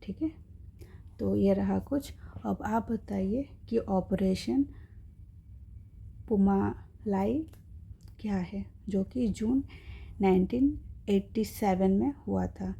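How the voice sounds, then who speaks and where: A woman's voice: mid-range voice, takes it slowly, vocal fry, dark tone, slightly rough. A woman teaching an exam-prep lesson, explaining step by step in Hindi with English terms and checking in with her viewers.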